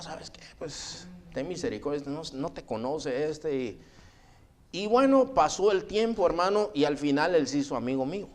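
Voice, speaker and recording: A man's voice: medium pitch, darkish tone. A man preaching a sermon, telling a personal story and often calling his listeners brother. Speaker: pastor.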